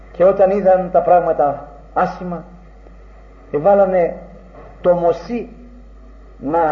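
A man preaching a sermon in an earnest, rhetorical way, with old-fashioned phrasing. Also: on the high side. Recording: dull, echoey room recording.

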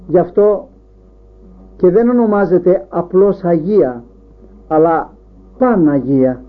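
A man preaching an Orthodox sermon, building up rhetorical questions one after another. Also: high voice. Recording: tinny phone-like sound.

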